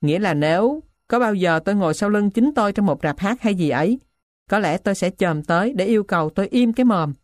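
A woman's voice: mid-range voice, lively intonation, fast talker, a little mellow, dry recording, clean studio sound. A woman narrating a first-person novel as an audiobook, in a conversational, wry reading style.

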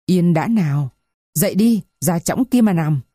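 A woman voicing a gruff, surly peasant husband who sneers at his wife. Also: fairly low pitch, animated, a little slow, warm tone, dry recording.

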